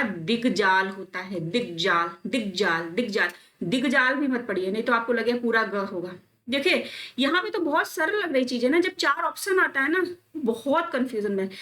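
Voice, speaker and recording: Young woman teaching spelling, repeats words slow, bit high voice, coaxing. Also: fairly bright tone. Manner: drills words by repeating them slowly; calls students friends and children, coaxing. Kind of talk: exam-prep spelling lesson.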